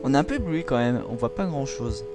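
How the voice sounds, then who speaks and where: A man's voice: mid-range voice, expressive, brisk. A young man hosting a casual game video, chatting to viewers with frequent giggles. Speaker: gaming video host. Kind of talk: casual let's-play commentary. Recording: game music playing behind.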